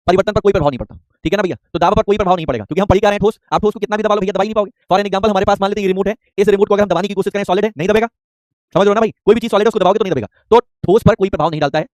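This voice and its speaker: A young man with a high-pitched, darkish voice teaches an online chemistry class, rapidly repeating points and firing quick questions at students. There's no echo.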